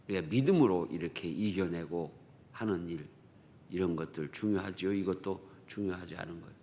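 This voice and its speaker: A creaky, low-pitched man preaches at dawn prayer in a church sanctuary, his Chungcheong Korean accent coloring a conversational sermon stuffed with rhetorical questions and dialect jokes. Long church-hall reverb surrounds him.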